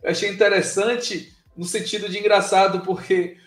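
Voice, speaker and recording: A man's voice: high-pitched, little pitch movement, moderate pace, a bit bright, reverberant. A man from Bahia, hosting a live interview in a chatty, informal way. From Bahia, Brazil. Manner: chatty, informal, frequent filler words. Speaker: live show host.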